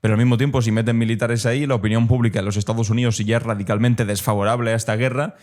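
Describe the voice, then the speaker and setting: A man's voice: mid-range voice, fairly even intonation, very fast, darkish tone. Exasperated man commenting on clips. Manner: exasperated, sarcastic, many fillers. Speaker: political commentator. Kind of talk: commentary on video clips, translating quotes.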